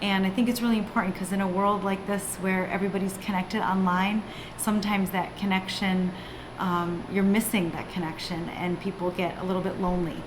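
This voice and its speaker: A woman answers interview questions earnestly in a mid-range voice, filling her pauses with "um." A clear layer of background noise sits under her speech. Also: mid-range voice, flat delivery. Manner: earnest, uses "um" fillers. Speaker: family member in the company.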